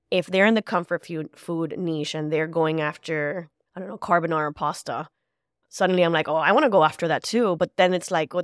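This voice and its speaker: A woman's voice: low-pitched, no echo, studio quality. Nasal, congested woman hosting a podcast. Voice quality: nasal, stuffed-up. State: congested with a cold. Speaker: podcast host. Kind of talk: casual solo podcast talk.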